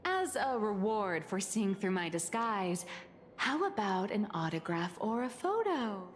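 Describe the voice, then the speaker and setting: A woman's voice: medium pitch, very animated, unhurried, slight background noise. A woman voicing a smug, scheming Furbo magazine boss in a game cutscene. She talks in a theatrical, self-satisfied way. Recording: reverberant with game music.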